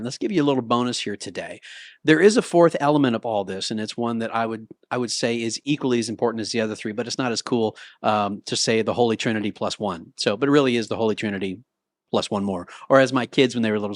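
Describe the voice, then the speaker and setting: A middle-aged vocal coach in Nashville gives a casual, conversational singing lesson to camera, now and then breaking into short sung demonstrations. His voice is mid-range, and the sound is clean studio audio with no echo.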